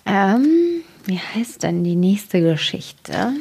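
Eine Radiomoderatorin, die ruhig und gleichmäßig Märchen vorliest. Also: female voice, mid-range voice, very animated, extremely slow, creaky, a little mellow, breathy edge. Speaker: radio presenter reading fairy tales. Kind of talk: storybook narration.

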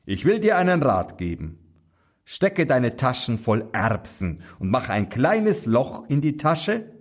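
A man voicing a calm, shrewd old king giving his daughter advice, in a fairy tale reading. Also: medium pitch, slow pace, full character voice.

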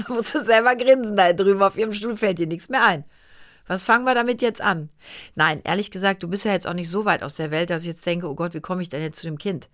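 A woman's voice: medium pitch, quick pace, a bit bright. A middle-aged woman hosting a podcast in casual chat, talkative and teasing, laughing often. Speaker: podcast host.

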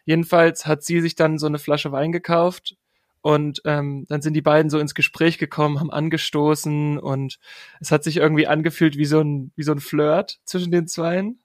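A young man telling a story in a relaxed, chatty way with youthful slang. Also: on the high side, normal speed, no room sound, studio quality. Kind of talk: casual storytelling chat.

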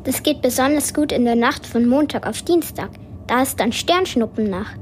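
Female children's radio presenter, fairly high pitch, scripted delivery, faint background noise. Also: lively intonation, moderate pace, a little mellow.

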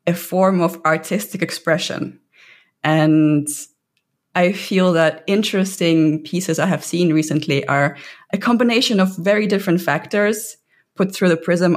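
A woman artist from Russia, speaking in a measured, thoughtful way on a panel. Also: lowish voice. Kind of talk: panel discussion.

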